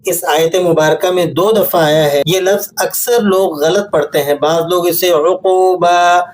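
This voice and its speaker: A man teaching correct Quranic pronunciation in a patient, corrective way, demonstrating words slowly. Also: sits high, fairly even intonation. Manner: patient, corrective explaining, with slow demonstrated examples. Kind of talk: instructional tajweed lesson.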